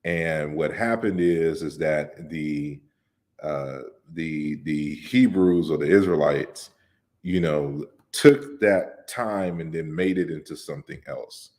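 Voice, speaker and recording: Man, extremely deep voice, livestream host, casual Q&A, relaxed lecturing explanations, lots of fillers. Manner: relaxed and conversational, with frequent fillers and restarts; explains at length in a measured, lecturing way. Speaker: host of an open discussion livestream. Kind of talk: casual livestream Q&A, reading viewer comments.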